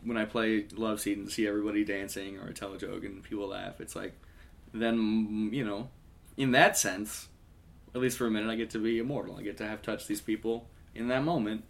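Guesting on a podcast, this comic and musician in his twenties keeps the conversation casual and upbeat, rambling and restarting his sentences often. He speaks fairly quickly in a fairly low, steady voice with vocal fry.

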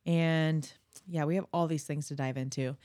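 A woman's voice: low-pitched, steady tone, normal speed, dark tone, dry recording. A young adult woman co-hosting a podcast in casual chat, giggly, joking and teasing herself. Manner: giggly, jokey, self-teasing. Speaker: podcast co-host.

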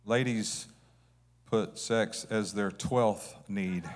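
A male pastor preaching with humor in short phrases, pausing for an interpreter. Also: lowish voice, fairly even intonation. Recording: long reverb of a large hall.

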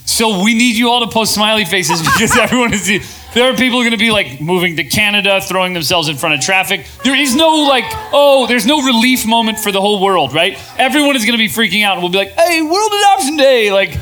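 A man co-hosting a talk show, speaking in a casual, animated way to a room of listeners and slipping into quoted voices. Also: high-pitched, fast, hardly any pauses, faint music behind, low-quality recording. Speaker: podcast co-host. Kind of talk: casual talk to a live audience. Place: room with an audience.

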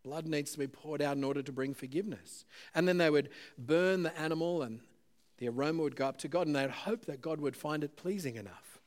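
A man delivers a sermon in a casual, self-deprecating way. His voice sits slightly high, and he keeps it conversational, dotted with "um"s. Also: fairly quick. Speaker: preacher.

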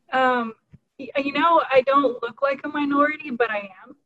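A woman's voice: sits high, fairly even intonation, a little slow, fairly bright tone, muffled recording. A woman from Guatemala on a video call, telling a personal story in an earnest, casual way with many fillers and restarts. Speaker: caller.

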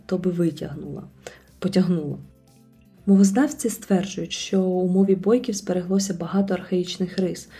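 A woman host reading a scripted podcast narration in a calm, measured way. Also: lowish voice, breathy edge.

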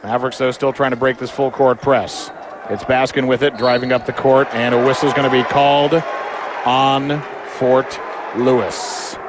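A man commentates live on a basketball game, play by play. His voice sits at an average male pitch. The noise of the gym, with a bouncing ball, is clearly heard behind him. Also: level tone, normal speed.

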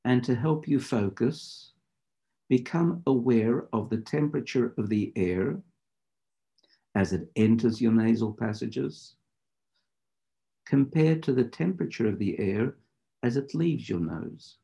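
A man teaching meditation in deliberate, measured phrases, in the instructive style of a spiritual lecture and guided practice. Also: medium pitch, lively intonation, vocal fry, warm tone.

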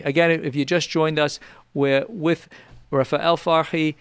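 A male show host with a fairly high, smooth and resonant voice, recorded close and dry with no room sound. He sums up what his guest says and steers the talk with follow-up questions. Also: no echo. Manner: summarizing and prompting questions. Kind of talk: radio-style interview.

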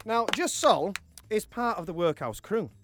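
A man's voice: high voice, expressive, moderate pace, noisy background. A man with an English accent hosting a live radio show, joking and chatting in casual banter with his co-host in the studio. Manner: joking, chatty, self-mocking.

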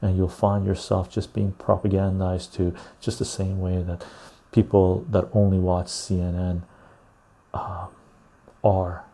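A man hosting a casual live stream into a clip-on lapel mic, chatting to viewers in a chill, husky, gravelly voice. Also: low voice, little pitch movement, warm tone. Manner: chill, unhurried talk addressed to viewers. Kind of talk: casual livestream chat.

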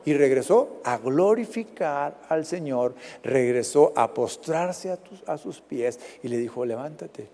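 A man with a Mexican Spanish accent preaching a sermon, swinging between loud dramatic rises and quiet fading endings. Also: a little high, expressive, measured pace, hardly any pauses. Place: church hall. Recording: reverberant hall recording.

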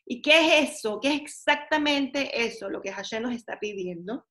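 Woman, bright high voice, relaxed teaching tone that switches into words mid-sentence. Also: moderate pace. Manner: mixes English words into Spanish, asks "¿ok?" often. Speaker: teacher of a weekly class. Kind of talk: casual spiritual lesson.

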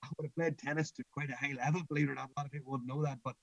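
Fast-talking Northern Irish man. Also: medium pitch, steady tone, gravelly, dry recording, dull audio. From Northern Ireland. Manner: emphatic, repeats phrases and often addresses the interviewer. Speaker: school football coach. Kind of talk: conversational interview, anecdotal.

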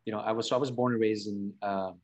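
A man's voice: fairly low pitch, fairly even intonation, fast talker, poor audio. A man from Spain, a coach and podcast guest, talking earnestly and reflectively, often repeating words and adding "right?" and "you know".

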